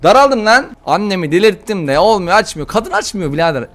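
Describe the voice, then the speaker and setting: A man giving excitable, slangy let's-play commentary while playing a game, often frustrated. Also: high-pitched, brisk, noisy background. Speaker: gaming YouTuber.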